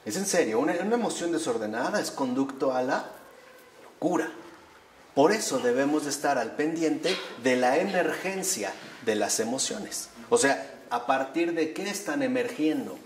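A man's voice: a little high, animated, moderate pace, a little hiss or hum. A man gives an explanatory talk to a live audience and often ends his points with a tag question. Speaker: lecturer. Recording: roomy echo with faint ambience.

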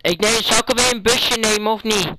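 A male vlogger giving live gaming commentary, making urgent, hurried calls to a teammate. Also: high-pitched, noisy background.

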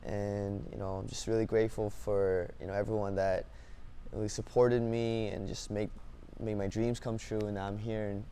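A young man, a singer-songwriter born in South Korea and raised in Canada, answering interview questions in a relaxed, upbeat way with lots of fillers, on a lapel mic in a dim studio. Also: fairly low pitch, normal speed, a little hiss or hum. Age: young adult. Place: dim indoor studio set.

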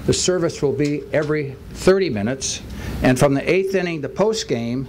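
A man's voice: a little high, animated, normal speed, darkish tone. Older man speaking outdoors at a podium. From Los Angeles. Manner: folksy, with baseball metaphors. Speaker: county supervisor. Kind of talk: public speech at a press event. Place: outdoors at a stadium lot beside a bus. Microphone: podium microphone. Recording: outdoor noise in the background.

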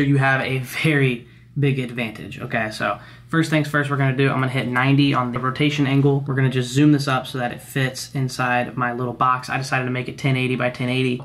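A young man casually teaching video editing step by step, explaining each click in a relaxed, slangy way while recording his screen at home. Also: medium pitch, quick pace. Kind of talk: screen-recorded software tutorial.

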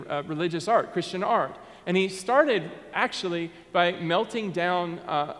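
Earnest pastor preaching in a reverberant sanctuary. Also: male voice, a little high. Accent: Southern US. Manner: earnest, drops to a soft hush on key words. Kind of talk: sermon. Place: church sanctuary, in front of a Christmas tree. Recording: long hall reverb.

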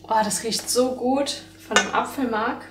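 A young woman chats casually through a cooking vlog in her home kitchen, thinking aloud as she cooks. Her voice is a little high and a little slow, and the kitchen sounds echoey with faint noise.

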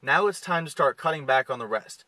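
A man in his twenties giving steady, step-by-step fitness instructions to the camera from inside a car. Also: fairly high pitch, fairly quick, no echo, poor audio. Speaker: fitness coach. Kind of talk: direct-to-camera fitness tips. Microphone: camera close to the face.

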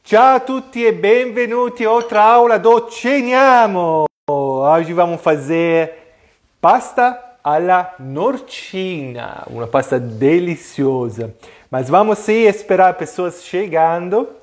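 Male online cooking host, native Italian with Italian accent, thirties, slightly high voice, chatty and hesitant, casual teaching. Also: animated, slow. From Italy. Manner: chatty and hesitant, mixing Italian greetings into talk. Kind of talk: casual live cooking lesson. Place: home kitchen, indoors. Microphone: clip-on lapel mic.

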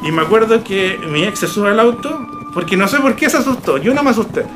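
A Chilean man casually telling a personal ghost story, lively and full of slang, imitating sounds as he goes. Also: sits high, brisk, music in the background. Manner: animated, imitates barks and hoofbeats, slangy. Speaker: YouTuber telling ghost stories.

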